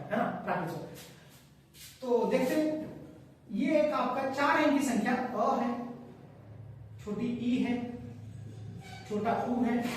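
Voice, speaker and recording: A male Hindi grammar teacher giving a classroom lecture. He repeats key points and quizzes his listeners. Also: extremely high pitch. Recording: very echoey room, distant mic, faint hiss.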